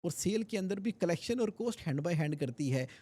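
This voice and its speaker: A man's voice: sits high, animated, moderate pace, warm tone, breathy edge. A man from India, a finance expert guest on a podcast interview, explaining things animatedly with homely examples and repetition.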